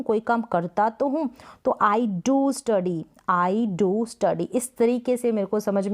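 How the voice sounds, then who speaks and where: A young woman teaches English grammar in Hindi at an even, medium pitch. She breaks each rule into small steps and keeps asking her students whether it is clear. She slows down carefully when she reads out the example sentences. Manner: explains step by step, often checks understanding. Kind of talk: Hindi-language grammar lesson.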